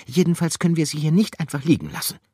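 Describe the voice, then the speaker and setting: A man's voice: medium pitch, huge pitch swings, a little slow, dark tone, husky, no echo, clean studio sound, voice pushed up, exaggerated voice. A man voicing a caring, decisive female mouse in a storybook reading. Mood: resolute.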